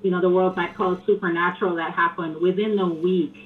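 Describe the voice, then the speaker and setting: Soft-spoken woman caller on a phone line. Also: fairly low pitch, steady tone. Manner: soft-spoken, earnest, halting. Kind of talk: call-in phone conversation. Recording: tinny phone line with hiss.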